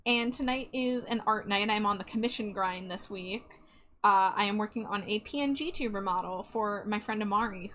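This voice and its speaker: A woman hosting a casual art livestream, chatting with viewers in an expressive, welcoming way. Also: medium pitch. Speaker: streamer, host of an art livestream. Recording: music behind the voice. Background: music.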